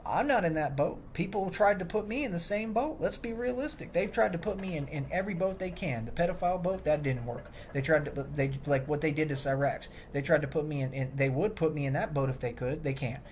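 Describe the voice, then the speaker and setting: A man's voice: on the high side, fairly quick, few pauses, a little hiss or hum. A man talking on a livestream, boastful and defensive, repeating himself as he rambles. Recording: loud music behind the voice.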